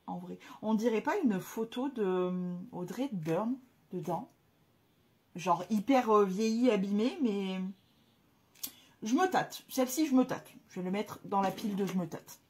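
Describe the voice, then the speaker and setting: Woman, casual vlogger, breathy husky voice, excitable, slangy, lots of fillers. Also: medium pitch. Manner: gushing exclamations, slangy and chatty; frequent hesitation fillers. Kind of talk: casual chat to camera.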